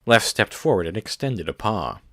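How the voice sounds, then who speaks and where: A man narrating a science-fiction audiobook in a steady, measured way. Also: lowish voice, no echo, clean studio sound.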